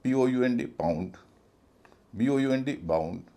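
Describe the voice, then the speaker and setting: A man's voice: medium pitch, lively intonation, measured pace, gravelly, warm tone. A man teaching English pronunciation in a video lesson, spelling out each word letter by letter before stressing the right sound.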